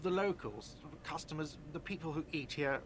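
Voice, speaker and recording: A man's voice: on the high side, expressive, brisk, background noise, natural voice. An actor voicing an irritable male cafeteria manager in a game, curt and gossiping. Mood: grumbling.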